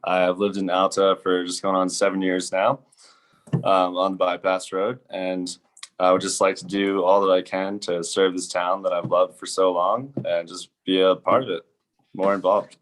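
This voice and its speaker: A man's voice: deep voice, flat delivery, normal speed. A man in his twenties gives a short, earnest self-introduction over a group voice call in an online meeting. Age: 20s. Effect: heard over a group voice call. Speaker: applicant to a town planning commission.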